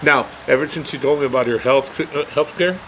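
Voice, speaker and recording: A man's voice: medium pitch, fairly quick, a bit bright. A middle-aged man co-hosting a podcast in casual chat, rambling from topic to topic and swearing freely. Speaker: podcast co-host.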